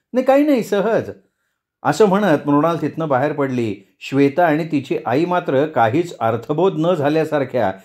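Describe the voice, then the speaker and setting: A male storyteller reads a story aloud, measured and expressive. His voice sits slightly higher than most men's. The telling is calm and even-paced. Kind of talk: story reading.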